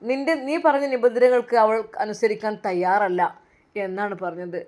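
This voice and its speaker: A woman voicing a man who consoles a grieving friend in a low, brusque way. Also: normal speed, a little mellow, natural voice. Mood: consoling.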